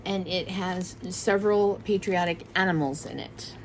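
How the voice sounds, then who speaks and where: A woman's voice: on the low side, fairly even intonation, normal speed, a little hiss or hum, low-quality recording. A middle-aged woman chatting casually and rambling a bit as she shows off her craft kits, often correcting herself mid-sentence. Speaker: cross-stitch vlogger. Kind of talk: casual show-and-tell chat.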